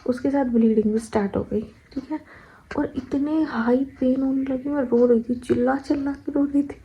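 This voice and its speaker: A woman's voice: high voice, normal speed, husky. A young woman vlogger, animatedly retelling a personal story in casual talk. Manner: animated retelling, acting out her own past cries. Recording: slightly dull lo-fi sound.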